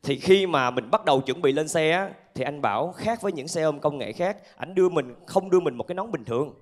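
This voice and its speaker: A brisk, high-voiced stand-up comedian from southern Vietnam tells stories to a live audience, animated and full of acted-out asides. He performs on a theatre stage with a handheld microphone as the crowd laughs.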